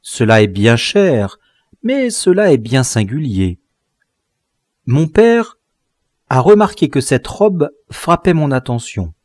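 A man's voice: mid-range voice, sing-song, slow pace, darkish tone, dry recording, studio quality. A man voicing a sweet young bride. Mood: tender.

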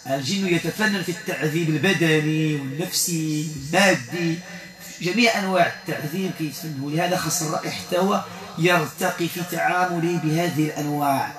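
A man with a Moroccan accent, working as a Quranic healer in a spoken exorcism session. He keeps asking short tag questions and murmurs prayers softly. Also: on the high side. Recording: echoey room, voice from a distance, crowd behind.

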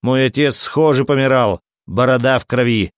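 A man voicing a bold young townsman who shouts urgent warnings in a raised voice. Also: medium pitch, moderate pace, clean tone, no room sound, studio quality, close to an everyday voice. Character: young brawny male townsman, bold and agitated.

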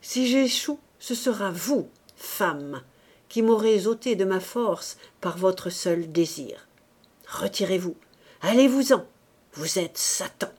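A woman's voice: mid-range voice, expressive, takes it slowly, a little mellow, husky. A woman voicing a stern, contemptuous priest who speaks in harsh, scornful declamation in a read-aloud novel. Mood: furious.

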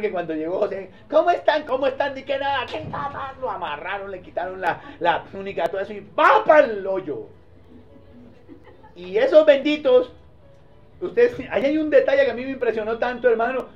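High-voiced male pastor preaching. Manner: lively storytelling preacher, asks the congregation questions. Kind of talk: sermon. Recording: dull lo-fi recording.

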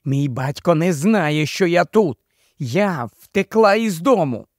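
A man's voice: fairly high pitch, animated, slow pace, dry recording, clean studio sound. A man voicing a proud young noblewoman on the run, pressing and pleading in an urgent hiss.

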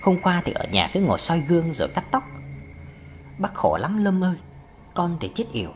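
A woman's voice: on the low side, big pitch swings, moderate pace, slight background noise. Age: older. Figure: a woman voicing a grieving old village man. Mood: sorrowful. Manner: broken, sobbing pleas.

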